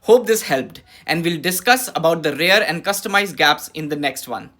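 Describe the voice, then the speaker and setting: A woman's voice: sits low, lively intonation, very slow, a bit bright. A woman teaching kathak, explaining with care and reciting the dance syllables in rhythm.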